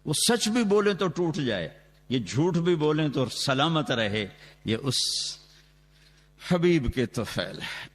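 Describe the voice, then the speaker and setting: A man preaching a sermon and telling the story dramatically, his voice rising loudly, with Quranic Arabic chanted slowly. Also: fairly high pitch, sing-song, a little hiss or hum. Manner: dramatic storytelling with sudden loud rises and quick asides. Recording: long reverb from a large hall, on a loudspeaker.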